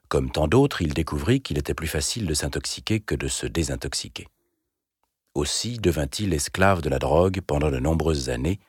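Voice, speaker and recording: A man narrating a story in the first person, in a measured, deliberate way. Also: a bass voice, husky, dry recording, clean studio sound. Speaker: audiobook narrator.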